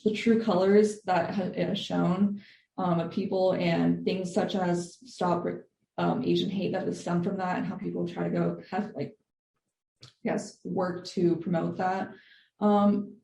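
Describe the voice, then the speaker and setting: A young woman from Thailand, a podcast guest, answers interview questions thoughtfully, using many fillers and hedges. Her voice is on the low side, gravelly and warm in tone. The room is echoey with faint noise.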